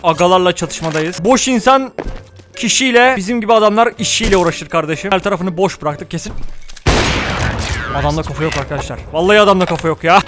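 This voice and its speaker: A young man giving jokey, excitable commentary on his own gameplay, often shouting at other players during fights. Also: sits high, quick pace. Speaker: gaming YouTuber. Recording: game audio with music and gunfire behind. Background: music and gunfire.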